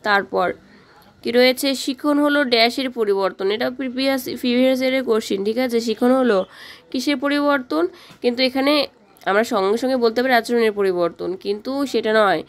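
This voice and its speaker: In an exam practice lesson, a woman teacher reads questions and options aloud, then explains each answer, often checking in with students by repeating "ঠিক আছে?". Her voice is fairly high-pitched and fairly quick.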